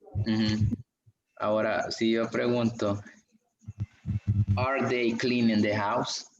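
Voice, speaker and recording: A man teaching an online English class, patient and slow, going over each example again. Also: on the low side, level tone, slight background noise. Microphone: video call. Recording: dull, echoey room audio.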